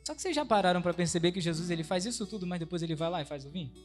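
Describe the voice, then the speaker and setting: A man's voice: high voice, lively intonation, very fast, faint music behind. A man with a Brazilian Portuguese accent preaching a conversational sermon, often asking the congregation questions. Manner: chatty, asks the congregation questions, many tag questions.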